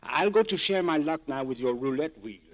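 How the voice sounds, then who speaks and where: Ugarte, a swooping, shifty crook. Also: male voice, on the high side, expressive, fairly quick. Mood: ingratiating, smug. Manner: fawning, hesitant, nervous. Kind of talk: 1940s radio acting. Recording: muffled 1940s radio broadcast recording.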